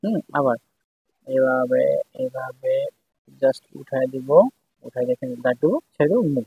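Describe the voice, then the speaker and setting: A man's voice: mid-range voice, normal speed, breathy edge. Man teaching Japanese letters over a tinny line. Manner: patient, repeats each syllable several times. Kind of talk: step-by-step writing lesson. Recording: dry, phone-like tinny sound.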